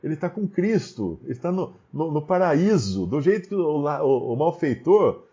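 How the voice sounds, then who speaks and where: Animated man giving casual Bible commentary. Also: on the high side, moderate pace. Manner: animated, many rhetorical questions. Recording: dull lo-fi recording.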